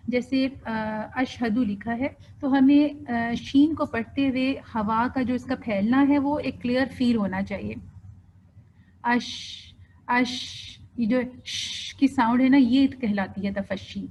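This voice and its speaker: A woman teaching a Quran recitation class online, patiently drawing out example words slowly and mixing English terms into her explanations. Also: a little high, warm tone. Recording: dull lo-fi with faint noise.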